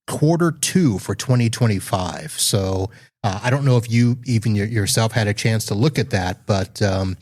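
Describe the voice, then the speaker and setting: A man's voice: on the low side, a little mellow. A man hosting a business technology podcast, asking questions in a casual, friendly way with plenty of fillers. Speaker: podcast host. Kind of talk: conversational podcast interview.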